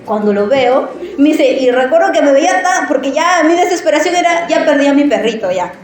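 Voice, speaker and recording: A woman with a high voice preaches in a church, mixing a sermon with a personal story. She talks in an animated, chatty way and keeps checking in with her listeners. Her voice rings through a very echoey hall. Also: fairly quick, slight background noise. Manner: animated, conversational, often asks the audience questions.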